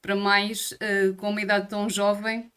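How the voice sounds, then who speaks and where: Woman, European Portuguese accent, co-host, smooth clear voice, hesitant with fillers. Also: medium pitch, monotone, moderate pace, a bit bright. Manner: hesitant, many filler sounds. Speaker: psychologist co-host. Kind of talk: warm-up remarks on a talk show.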